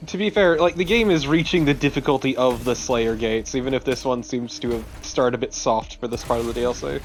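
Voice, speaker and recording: Over video game music and a touch of background noise, a man co-commentates on a let's play. His mid-range voice moves briskly, and his chat is casual, wry and full of jokes.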